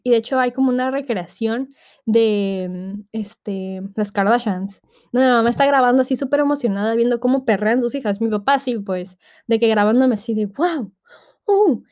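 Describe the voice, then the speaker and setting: A young woman of nineteen with a Mexican accent talks through her stories on a casual podcast. Her voice sits a little high, and she talks in a loose, slang-heavy way, slipping into the voices of the people she quotes. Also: a little mellow, dry recording, clean studio sound. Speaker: podcast host. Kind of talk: casual storytelling monologue.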